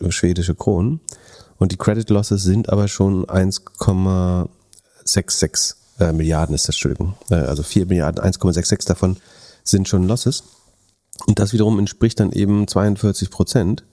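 A man's voice: deep voice, mellow. A man co-hosting a podcast in a casual chat, working through figures analytically and thinking aloud. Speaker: podcast co-host.

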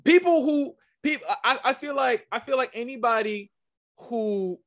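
Insistent high-voiced man debating. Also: a little slow. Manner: insistent, emphatic, repeats points. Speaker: podcast host. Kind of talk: heated podcast debate.

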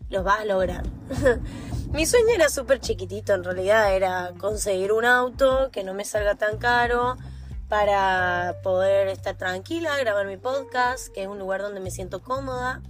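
A woman's voice: medium pitch, moderate pace, soft background music. A woman in her twenties with a Rioplatense Spanish accent, hosting her own podcast and talking in a chatty, confiding way straight to the listener. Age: 20s. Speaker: podcast host. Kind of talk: personal podcast monologue.

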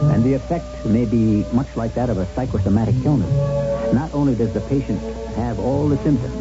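A man hosting a radio mystery, narrating scripted suspense in a measured, portentous way. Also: on the low side. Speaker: host of a radio mystery series. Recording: dull lo-fi radio broadcast. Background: loud music.

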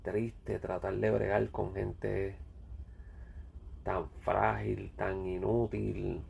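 Man, Puerto Rican accent, gravelly, mellow, blunt profane rant. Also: on the low side, level tone, very slow, a little hiss or hum. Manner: blunt, profane, repetitive ranting. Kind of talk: casual rant.

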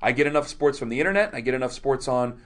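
Rambling, animated male radio storyteller. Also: mid-range voice, fast talker. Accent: Ohio. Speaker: sports radio host, guest. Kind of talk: casual storytelling interview.

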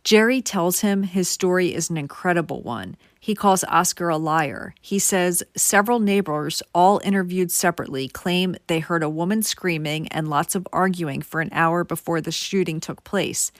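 Low-voiced woman narrating true crime. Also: moderate pace, hardly any pauses, no echo, clean studio sound. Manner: conversational, addresses viewers directly. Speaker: true crime channel host.

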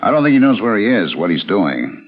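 A man's voice: on the low side, big pitch swings, fairly quick. A man playing a somber, tactful police detective in a 1950s radio drama, with a subdued manner. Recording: dull vintage radio recording with music.

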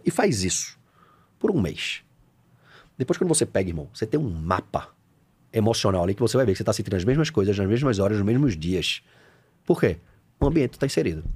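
A man with a Brazilian Portuguese accent, a coach chatting on a podcast, animated and slangy, acting out little scenes. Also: mid-range voice, slightly rough. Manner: animated, acts out scenes with shouted quotes, slangy. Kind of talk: casual podcast conversation.

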